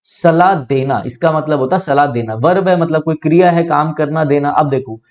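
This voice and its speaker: Lively Indian male grammar teacher. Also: on the high side, normal speed. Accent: Indian English. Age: young adult. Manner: explains step by step, keeps asking and answering his own questions. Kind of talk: online grammar lesson.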